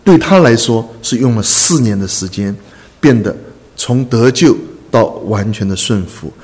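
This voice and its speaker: A man preaching a sermon to a congregation, earnest, repeating phrases and filling pauses with drawn-out "ah" sounds. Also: medium pitch, lively intonation, a little mellow. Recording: echoey hall reverb.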